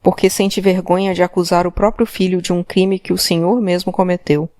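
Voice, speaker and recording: A woman's voice: on the low side, flat delivery, fairly quick, darkish tone, no echo, close to an everyday voice. A woman reading an audiobook, voicing a male police commissioner who questions insistently and presses for the truth. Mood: pressing. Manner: insistent, interrogating, demanding. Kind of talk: audiobook character voice.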